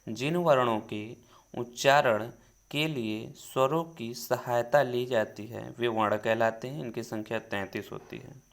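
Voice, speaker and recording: Male teacher reading out grammar definitions, slow and patient, repeats each line. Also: medium pitch, vocal fry. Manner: slow, repeats definitions, calls students "children". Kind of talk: Hindi grammar lesson.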